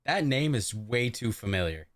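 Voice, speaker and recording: Male streamer in casual reaction mode, cussing and emphatic, with a lively, swinging pitch. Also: normal speed. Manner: profane, emphatic, rambling. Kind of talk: casual live reaction commentary.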